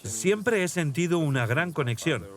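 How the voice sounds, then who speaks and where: Documentary dub: man as a young prince, calm and reflective, voice on the high side. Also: unhurried. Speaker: dubbed interviewee voice-over.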